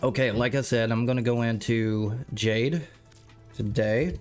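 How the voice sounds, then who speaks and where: A man talks through a live game stream in a loose, rambling way, often stopping to correct himself and talk to his viewers. His voice sounds stuffed up, at a middling pitch. Faint game music plays underneath. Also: fairly even intonation, measured pace, a little mellow. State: stuffed up, clearing throat. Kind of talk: casual livestream commentary.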